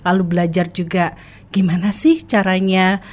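A woman's voice: lowish voice, flat delivery, moderate pace. A woman, a university guest explaining things in colloquial speech in a radio studio interview.

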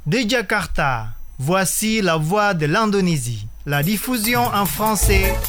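A man giving a slow, measured station identification that sounds distant and faded, like a radio broadcast. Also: high voice, animated, fairly bright tone, faint music behind. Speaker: station announcer.

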